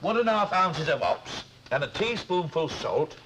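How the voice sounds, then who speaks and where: An actor playing a bossy Northern English man in a 1960s TV soap, deliberately reading out instructions to his mates. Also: on the high side, big pitch swings, fairly bright tone. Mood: businesslike. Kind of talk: 1960s British TV soap acting. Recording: noisy 1960s TV soundtrack, clicks.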